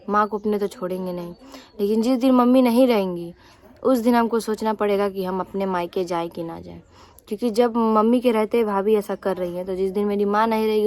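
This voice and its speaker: A young woman vlogger talking casually to her viewers in an aggrieved, rambling way, with many restarts and fillers. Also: mid-range voice. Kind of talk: casual vlog talk to viewers.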